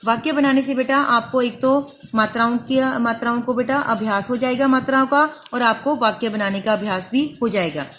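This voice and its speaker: A woman with a high, bright voice takes young pupils through a lesson, drawing each word out syllable by syllable. She speaks patiently and keeps calling the child "beta". Faint hiss sits under the recording. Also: fairly even intonation, normal speed, few pauses. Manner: patient, stretches out sounds syllable by syllable, calls listener "beta". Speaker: primary school teacher.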